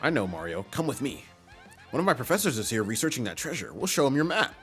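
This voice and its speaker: A man voicing a perky young female goomba student in a bubbly, excitable way. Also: medium pitch, quick pace, soft background music, pitched above the performer's own voice. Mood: excited.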